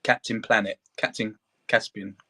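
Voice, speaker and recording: A man's voice: lowish voice, little pitch movement, moderate pace, pushed and bright. A man hosting a casual live audio chat on his phone, talking in a hesitant, self-deprecating way.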